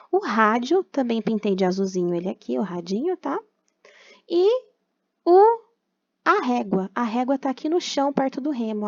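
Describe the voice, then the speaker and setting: A young Brazilian woman teaching a primary class remotely, patiently explaining and slowly sounding out words. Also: a little high, gravelly, darkish tone, no room sound. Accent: Brazilian Portuguese. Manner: patient and explanatory, tags phrases with "tá?". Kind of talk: recorded remote class lesson. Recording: dull, dry computer recording.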